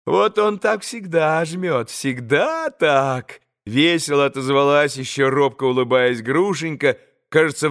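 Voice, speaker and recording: A man narrating a classic novel as an audiobook, in a measured, expressive storytelling manner. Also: fairly high pitch. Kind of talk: scripted literary narration.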